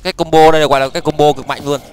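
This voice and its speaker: Young male gamer, rapid excitable let's-play patter, slightly high, clean smooth voice. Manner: rapid, excitable, frequent stammered repeats and exclamations. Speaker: gaming YouTuber. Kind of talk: Minecraft let's play commentary.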